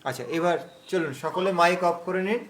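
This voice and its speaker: Man, fairly high voice, patient online teacher, drawn-out recitation, video call. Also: a little hiss or hum. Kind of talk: online class instruction.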